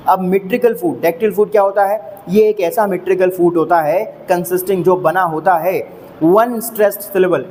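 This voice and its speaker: A man with an Indian English accent teaching a lesson, reading definitions slowly and then explaining each one step by step with checking questions. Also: high-pitched, darkish tone, long reverb tail, slight background noise, rough recording. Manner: repeats each point, asks checking questions.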